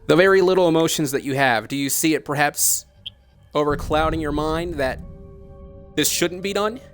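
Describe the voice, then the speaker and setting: A broadcaster doing a phone interview presses long, tough questions at a normal pace while music plays underneath. His voice is slightly high, and his manner earnest and insistent, courteous on the surface but reproachful.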